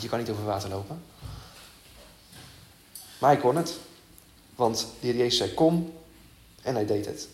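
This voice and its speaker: A man preaching a sermon in an earnest, halting way, with many fillers and restarts. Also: mid-range voice, reverberant, slight background noise.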